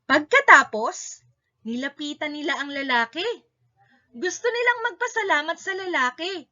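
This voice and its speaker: Her high, very bright voice animated and moving at a moderate pace, a Filipino woman reads a story for kids in short, emphatic lines. The sound is rather dull and lo-fi.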